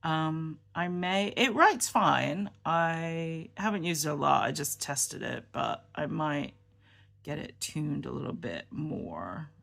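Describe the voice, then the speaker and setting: Tired woman vlogger, low and creaky, slow hesitant rambling chat. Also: lively intonation, a bit bright. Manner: rambling, hesitant, with many ums and restarts. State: tired and subdued. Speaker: fountain pen vlogger. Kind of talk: casual show-and-tell chat.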